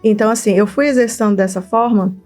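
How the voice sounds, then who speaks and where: A Brazilian woman with a Brazilian Portuguese accent co-hosts a podcast for mothers, speaking fast in a medium-pitched voice over soft background music. In casual chat she tells animated stories, acting out family dialogue.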